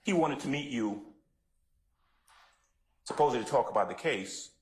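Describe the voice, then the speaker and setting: A man questioning a witness as a defense attorney in court, putting pointed leading questions in deliberate phrases. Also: mid-range voice, animated. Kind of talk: courtroom cross-examination. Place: courtroom, indoors. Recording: echoey courtroom sound.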